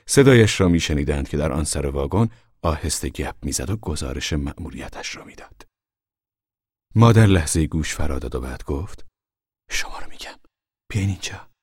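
A man narrating a novel in a calm, measured audiobook reading. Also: a bass voice, slightly rough, no room sound, clean studio sound.

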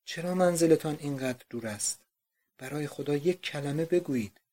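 A man's voice: fairly high pitch, warm tone, close to an everyday voice. A man reading out the anxious, pleading love letter of a young woman in an audiobook.

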